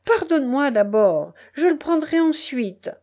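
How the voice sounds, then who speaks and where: A woman's voice: sits high, big pitch swings, a little slow, darkish tone, pitched above the performer's own voice. A woman voicing a remorseful young male peasant who begs for forgiveness in a tearful voice, in a storybook reading. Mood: tearful pleading. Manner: begging, tearful.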